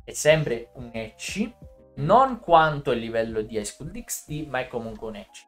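A man's voice: mid-range voice, animated, normal speed, a bit bright, soft background music. A man co-hosting a casual live stream, explaining anime series at length in a chatty, informal way. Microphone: streaming setup microphone.

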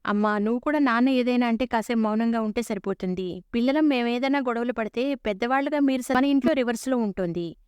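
A woman's voice: a little high, fast talker, a little mellow, smooth, dry recording, studio quality, close to an everyday voice. A woman voicing a frustrated young married son scolding his parents in a storybook tale. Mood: exasperated. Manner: exasperated.

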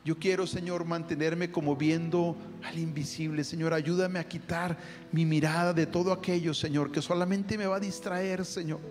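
A man whose voice is a little high, with little pitch movement, prays fervently at normal speed, calling out to the Lord after almost every phrase. The spoken prayer sits over soft guitar music, and a long reverb fills the hall.

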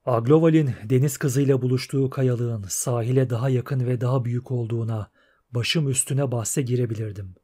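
A man voicing a grim male monster hunter who speaks in low, clipped lines in an audiobook. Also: steady tone, normal speed, dark tone, slightly rough, lightly acted. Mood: calm, terse.

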